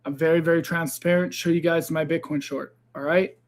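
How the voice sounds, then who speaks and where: Male streamer, high-pitched, relaxed and chatty, talking through his trades for viewers. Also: brisk. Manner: chatty, loose, addresses viewers as guys and fam. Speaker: crypto livestream host. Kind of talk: casual live trading stream chat.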